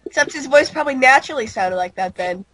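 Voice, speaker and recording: A woman's voice: high voice, expressive, fast talker, a bit bright, no room sound, rough recording. A young woman chatting casually while gaming over a call, dropping wry jokes.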